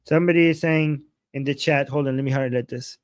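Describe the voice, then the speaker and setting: A man's voice: mid-range voice, steady tone, fairly quick, dry recording, studio quality. A man from Iran with an Iranian accent, hosting a live political reaction stream in an argumentative, insistent way, repeating points and asking rhetorical questions. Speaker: livestream host.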